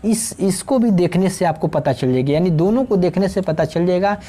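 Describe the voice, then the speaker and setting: A woman teaching an English grammar lesson, explaining slowly, spelling out letters and pausing with fillers. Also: fairly low pitch, mellow.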